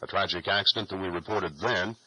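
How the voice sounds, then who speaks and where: A man's voice: sits low, brisk, bright, forceful tone, slightly rough, low-quality recording. A man narrating a radio retrospective in a storytelling documentary style. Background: music bed.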